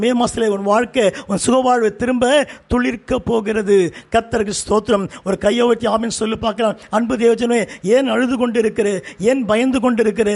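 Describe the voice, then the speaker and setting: A man's voice: extremely high pitch, gravelly. A man preaching a fervent sermon in short repeated phrases as pastor, with a Tamil accent.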